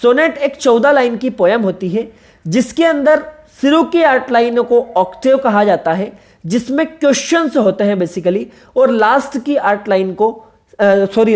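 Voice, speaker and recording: A woman's voice: fairly high pitch, a little mellow. A woman teaching an exam-prep literature lecture, explaining step by step, repeating key terms, spelling them out letter by letter and checking in with rhetorical questions.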